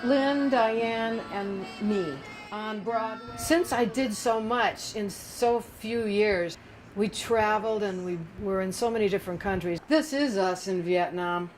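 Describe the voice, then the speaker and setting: A woman's voice: mid-range voice, a little slow, faint music behind, poor audio. An older woman speaking in an interview, reflective and reminiscing. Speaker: interviewee, animal activist and former singer.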